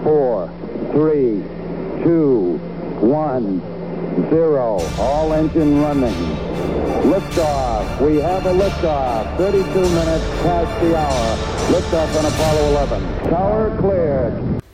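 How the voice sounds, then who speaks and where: Guy doing mission control radio countdown, slow n clipped, higher voice, loud music behind. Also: lively intonation, rough recording. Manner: clipped, formal announcing. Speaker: launch announcer. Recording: archival launch audio under loud music.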